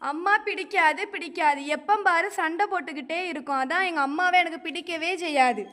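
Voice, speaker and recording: A woman's voice: very high voice, a little fast, bright, forceful tone, in a large hall. A woman playing a stubborn, withdrawn teenage daughter who answers in blunt, pouting, childish retorts. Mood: sulky. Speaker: daughter at counseling. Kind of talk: amateur comedy stage acting.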